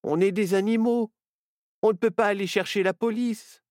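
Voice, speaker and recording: A man's voice: a little high, big pitch swings, unhurried, darkish tone, no room sound, clean studio sound, pitched above the performer's own voice. A man voicing a young boy turned into a fox, anxious and clever, in a storybook reading. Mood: distressed.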